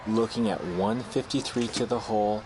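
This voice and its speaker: A man's voice: lowish voice, moderate pace, lightly acted. Actor as matter-of-fact male golf commentator, noisy background. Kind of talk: golf commentary in a video game.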